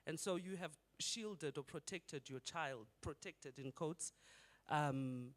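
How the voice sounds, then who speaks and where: A man's voice: on the high side, slow. A middle-aged man from Zimbabwe giving a conversational conference talk and putting rhetorical questions to the audience. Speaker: conference speaker.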